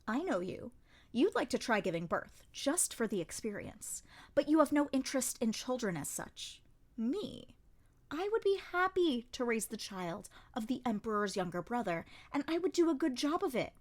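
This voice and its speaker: A woman voicing a smooth, shameless young nobleman in a fan audiobook, coaxing and teasing as he pushes a scheme. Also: fairly high pitch, sing-song, moderate pace, pitched above the performer's own voice. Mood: wheedling.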